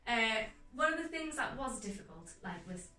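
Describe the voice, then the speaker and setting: A young woman actor talking earnestly and enthusiastically in a casual interview, in quick runs of speech. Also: on the high side, big pitch swings, pushed and bright, distant mic. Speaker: guest actor. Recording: roomy echo, off-mic, faint music behind.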